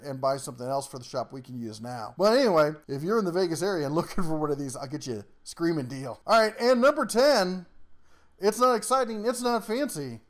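A man hosting a tool review channel, talking through products in a folksy, rambling way with frequent chuckles and workshop slang. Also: fairly high pitch. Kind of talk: casual product rundown.

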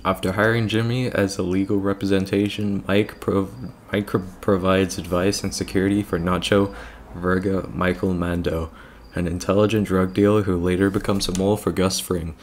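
A young British man with a low voice reads a long text aloud on a livestream. He often trips over names and breaks off to mock himself. Faint crickets chirp behind him. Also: level tone, normal speed, slight background noise. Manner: stumbling over names, self-mocking asides. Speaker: streamer.

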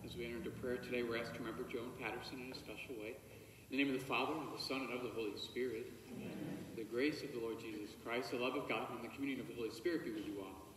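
A priest leads liturgical prayers at a brisk, steady clip, his voice set in a measured, formal cadence. He sounds distant from the microphone, and the large church around him rings with long reverb. A noticeable room hiss sits underneath. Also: mid-range voice. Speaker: priest celebrating Mass. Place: large church sanctuary, indoors. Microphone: distant camera microphone. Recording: echoey church captured from afar.

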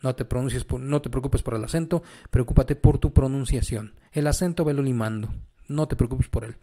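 A man's voice: medium pitch, a little fast, warm tone. A man with a Mexican Spanish accent teaches an English grammar lesson. He keeps asking the learner questions and then answers them himself.

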